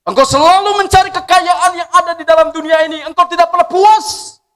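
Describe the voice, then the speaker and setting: A man preaching a sermon, voicing God as a stern, commanding male divine voice that declaims loudly at a raised pitch. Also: fairly quick, big-room sound.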